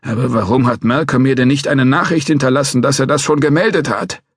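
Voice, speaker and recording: A testy old security guard shouts in a thin, high, querulous voice. He is suspicious and doddering, and his speech is husky and close with no room around it. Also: brisk, no echo. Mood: grumbling.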